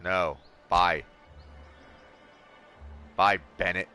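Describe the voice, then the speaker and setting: Bright-voiced man doing gameplay commentary. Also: sits low, fairly even intonation, drawn-out words, clean tone, faint music behind. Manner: wry, joking asides to characters. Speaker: let's play host.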